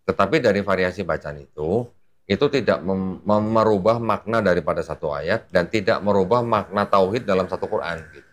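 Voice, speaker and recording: A man's voice: low-pitched, fairly quick. A man, an Islamic preacher explaining at length in casual talk, patient and full of fillers.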